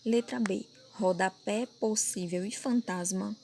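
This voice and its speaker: A woman's voice: medium pitch, measured pace, gravelly, darkish tone, a little hiss or hum. A woman with a Brazilian Portuguese accent teaching a recorded grammar lesson, patiently repeating points and checking that her pupils follow. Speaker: primary school teacher.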